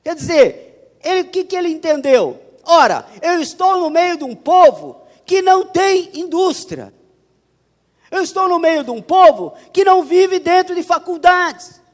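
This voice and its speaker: High-voiced Paulista pastor preaching. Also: male voice, very animated, unhurried. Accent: Paulista Portuguese. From São Paulo, Brazil. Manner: emphatic preaching, often repeating phrases. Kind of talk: sermon. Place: church. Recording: church hall reverb.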